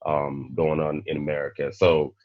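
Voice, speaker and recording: A man born in Nigeria, hosting a panel discussion and speaking in a measured, reflective way. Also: a bass voice, monotone, no echo, dull audio. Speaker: podcast host.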